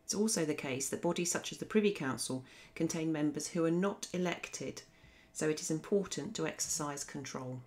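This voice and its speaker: A woman narrating a scripted law revision lesson as a voice-over, explaining in a clear, methodical way. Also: low-pitched, moderate pace, few pauses, a little mellow. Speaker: law teacher.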